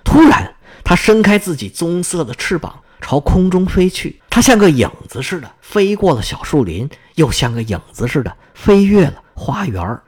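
A man reading a fairy tale aloud as storyteller, expressive and dramatic. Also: on the high side, normal speed, breathy edge.

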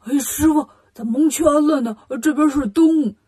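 A woman voicing a lazy, joking pig-monk disciple in a storybook reading, calling out loudly. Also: high-pitched, normal speed, close to an everyday voice. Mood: joshing.

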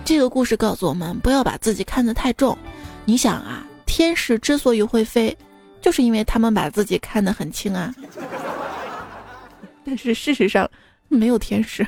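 A woman's voice: fairly high pitch, lively intonation, normal speed, music in the background. A woman telling comic animal jokes in a playful, chuckling way. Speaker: joke teller.

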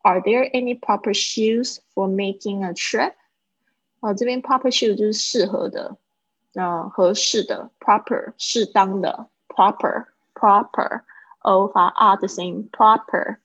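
Gravelly-voiced woman teaching English. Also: medium pitch, dry recording. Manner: explains slowly, repeats words, models pronunciation. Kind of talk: livestreamed English lesson. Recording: dull lo-fi livestream audio.

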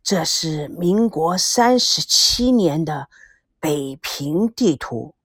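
A woman voicing a reserved elderly grandfather who talks slowly and quietly. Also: lively intonation, breathy edge, dry recording, clean studio sound, full character voice. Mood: gruff restrained. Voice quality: slow, low, measured.

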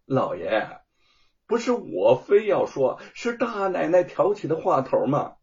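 A cunning young concubine purrs and needles in a lifted, lilting voice, as a male storyteller puts her on. Her pitch sweeps widely from line to line. The recording sounds muffled and lo-fi. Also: huge pitch swings, measured pace, creaky, exaggerated voice. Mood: coaxing. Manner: sweet, wheedling, sharp-tongued. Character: sly young woman, coquettish concubine. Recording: dull lo-fi audio.

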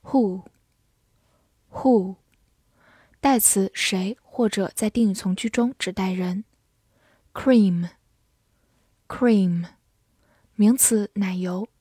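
A woman teaching English vocabulary to Chinese learners. She says each word twice, slowly, then gives its meanings. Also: mid-range voice, warm tone, breathy edge, no room sound, studio quality. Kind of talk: scripted vocabulary lesson.

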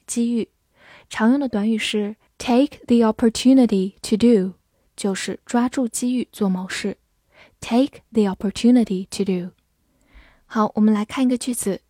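A woman gives an English vocabulary lesson in a slightly high, mellow voice. She takes her time, spelling each word out letter by letter and reading the example sentences slowly. The sound is close and dry, with no room around it. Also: no echo. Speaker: English teacher.

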